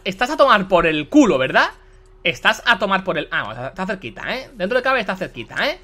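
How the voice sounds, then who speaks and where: Young youtuber gamer, bright voice, excitable, swears a ton, repeats lines over and over. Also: male voice, high-pitched. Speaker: gaming youtuber. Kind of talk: let's play commentary.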